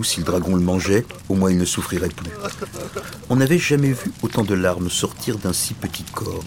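A middle-aged man reading a children's story aloud in an expressive, playful way. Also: low voice, background noise.

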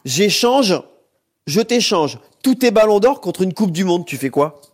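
A man's voice: sits high, a little slow. Emphatic man talking football on air. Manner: lively, emphatic, laughs. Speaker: studio pundit. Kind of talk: casual radio sports chat.

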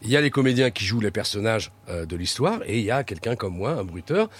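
A man's voice: lowish voice, very animated, fast talker, slightly rough. A man who works as a foley artist, chatting as a studio guest and explaining his craft hesitantly, repeating words as he goes. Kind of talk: casual radio chat.

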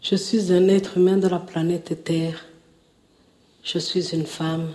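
A woman from Rwanda, giving a measured, solemn stage testimony as a genocide survivor. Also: fairly low pitch, flat delivery, warm tone. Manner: slow, measured, declarative. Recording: roomy archive stage recording.

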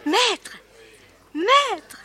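A woman's voice: high voice, moderate pace, pushed and bright. An actress playing a giddy, smitten young woman, gushing and flustered in a theatrical radio drama. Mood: smitten excitement. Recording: crowd murmur behind.

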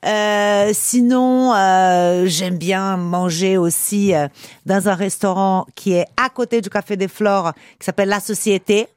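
A woman's voice: medium pitch, fairly even intonation, unhurried, darkish tone, no room sound, studio quality. A woman with a foreign accent in French, chatting casually and emphatically as a guest in a radio interview. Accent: foreign accent in French, not Parisian. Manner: effusive, emphatic. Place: radio studio, close and dry.

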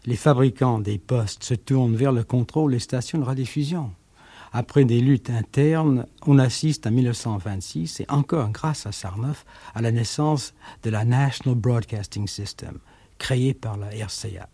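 A man speaking in a measured documentary style, with occasional fillers, on an archive radio recording. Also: mid-range voice, warm tone, breathy edge, dry recording. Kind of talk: explanatory radio documentary talk.

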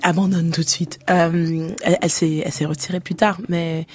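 A woman's voice: lowish voice, flat delivery, normal speed, a little mellow. A woman from Canada, a musician guest on a radio interview, talking with frequent restarts and fillers. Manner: hesitant, many restarts and fillers.

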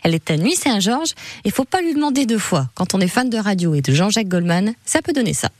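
A woman's voice: mid-range voice, sing-song, quick pace, no room sound. Female radio announcer, scripted intro, upbeat, dry close studio sound.

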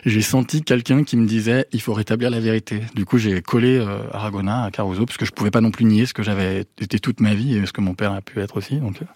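A man with a French accent talks casually as an interview guest. His delivery is quick but searching and reflective, and the sound is dry and close. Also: on the low side, fairly even intonation, darkish tone, no room sound. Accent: French from France. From France. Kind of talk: casual radio interview talk.

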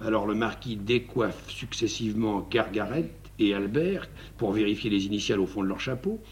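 A man reads the stage directions of a farce for 1950s radio. His delivery is brisk and matter-of-fact, and his voice is gravelly and creaky. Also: fairly low pitch. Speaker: reader.

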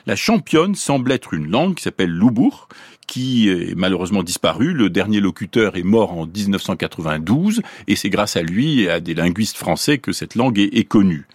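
A man from Paris explains in a scripted radio talk, his lowish, slightly husky voice rising and falling with lively melody. He slows down carefully to sound out examples, recorded dry in a studio. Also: no room sound. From Paris, France. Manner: clear, lively teaching tone, slows to pronounce examples. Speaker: science columnist explaining linguistics.

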